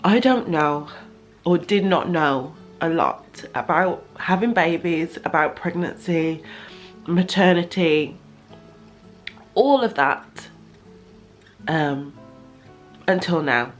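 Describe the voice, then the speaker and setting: A woman's voice: low-pitched, slow pace, pauses often, faint music behind. A young woman talking candidly to camera in a casual vlog, emotional and chatty. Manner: chatty, emotional and candid, close to tears at times. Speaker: vlogger.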